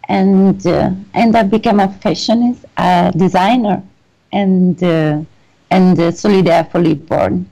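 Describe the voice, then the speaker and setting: A woman from Italy speaking English with an Italian accent in an interview, halting and hesitant with many fillers and frequent small laughs. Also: lowish voice, fairly even intonation, dark tone, muffled recording. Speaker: guest fashion designer. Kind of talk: interview conversation.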